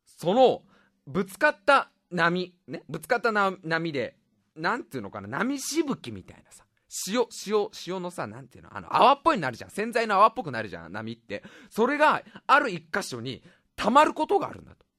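A man in his thirties with a fairly high, very animated voice, carrying a comic monologue in rough, casual speech. He laughs often, stumbles and corrects himself as he rambles. The recording is dry and close, with no room sound. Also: fairly quick, no room sound.

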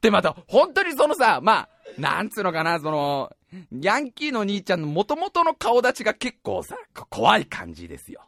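Male host, high lively voice, self-mocking comic storyteller, dry close sound. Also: normal speed, no echo. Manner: animated, self-mocking, often laughing while talking.

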